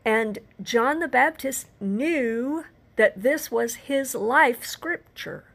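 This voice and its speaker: Older female preacher, gravelly voice, earnest scripture teaching with rhetorical questions. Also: high voice, animated, slow pace, fairly bright tone. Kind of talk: Bible teaching sermon.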